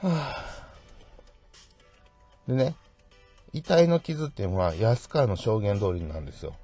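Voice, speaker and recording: A man's voice: lowish voice, sing-song, moderate pace, dark tone, breathy edge, soft background music. A man hosting a solo true-crime talk, chatty, tagging his sentences with little asides. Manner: chatty, peppers sentences with "ne" tags and wry asides. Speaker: podcast host.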